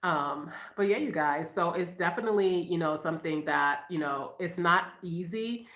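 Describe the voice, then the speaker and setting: A woman's voice: fairly low pitch, moderate pace, fairly bright tone. A woman from Boston, a mother of five, chatting casually and upbeat with viewers on a live stream at home, often laughing and calling them you guys. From Boston, USA. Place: at home, in her room. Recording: echoey room.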